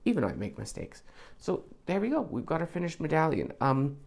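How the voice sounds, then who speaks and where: A man with a gravelly voice walks viewers through a hands-on prop build, chatting casually as he works. His pitch swings widely, and he wanders off into friendly asides. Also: wildly swooping pitch, fairly quick, darkish tone. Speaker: prop maker. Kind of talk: casual DIY tutorial.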